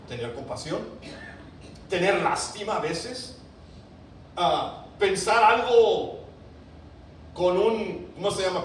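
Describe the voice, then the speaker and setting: Fervent pastor in an echoing sanctuary. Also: male voice, sits high. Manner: fervent preaching, rising to loud emphatic peaks, drops to quiet; asks the congregation rhetorical questions. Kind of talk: sermon. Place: large church sanctuary. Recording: very echoey church, voice from a distance, faint room hiss.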